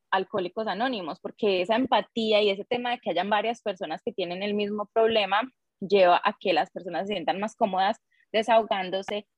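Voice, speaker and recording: Female podcast co-host, friendly explainer, mid pitch, dry recording. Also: no echo. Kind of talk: casual podcast chat.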